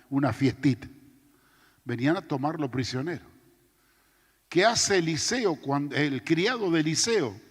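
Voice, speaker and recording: A male pastor preaches a sermon in a high, animated voice, acting out the scripture as he goes. His voice swings widely in pitch and rings through a long church reverb. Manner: dramatic, acts out the scripture.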